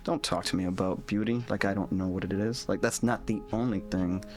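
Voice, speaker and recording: In a low, steady voice with a darkish tone, a man plays a tabletop game in character at a fairly quick pace. He is defiant and sarcastic and laughs a lot, with music playing behind.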